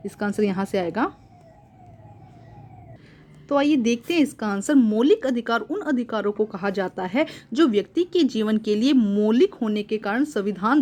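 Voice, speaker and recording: A fairly high-voiced woman teaches from a worksheet. She reads each point aloud, then explains it again more simply, with English words mixed in. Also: a little mellow.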